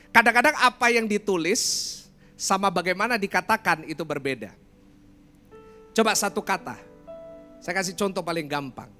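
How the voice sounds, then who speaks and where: A middle-aged man preaching a livestreamed sermon, animated, acting out different tones of voice. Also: high-pitched. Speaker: pastor.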